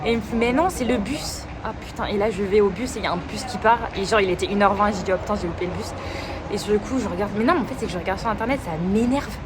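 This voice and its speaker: A woman's voice: medium pitch, very fast, hardly any pauses. A young woman from France talking casually to her phone camera while out and about, rambling through stories with casual swearing. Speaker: vlogger. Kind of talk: casual travel vlog. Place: out and about in streets and a station. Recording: noisy background with traffic.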